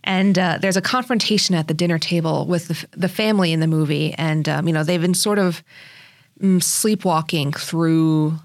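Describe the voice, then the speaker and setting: A woman's voice: on the low side, moderate pace, no echo, clean studio sound. A woman hosting a podcast, chatting casually and enthusiastically with many fillers and restarts. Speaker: podcast host.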